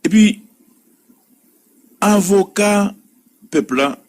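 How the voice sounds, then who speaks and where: A man's voice: sits high, drawn-out words. A man with a Haitian accent hosting a radio commentary show, drawing out and repeating words for emphasis. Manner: animated, stretches words for emphasis, repeats himself. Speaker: radio host.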